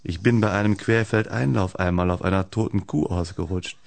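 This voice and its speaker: A man reading the lines of a talkative, sturdy female X-ray nurse in a deep voice. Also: fairly quick, gravelly. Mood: chatty. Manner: talkative, tops every story.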